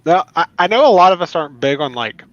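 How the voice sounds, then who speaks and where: A man co-hosting a casual film discussion, quick and enthusiastic. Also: fairly high pitch, animated, a bit bright, lo-fi sound.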